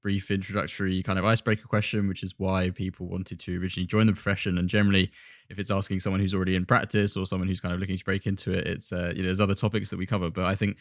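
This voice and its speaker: A man's voice: low-pitched, level tone, racing, dry recording, studio quality. A man hosting a podcast, welcoming his guest and asking long, rambling questions hedged with "kind of" and "sort of". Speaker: podcast host. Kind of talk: podcast interview.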